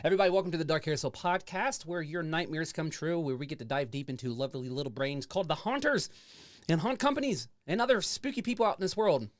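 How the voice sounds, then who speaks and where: A man's voice: fairly high pitch, fast talker, no room sound, studio quality. A man hosting a podcast in casual chat, rambling and playful, with some swearing. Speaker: podcast host.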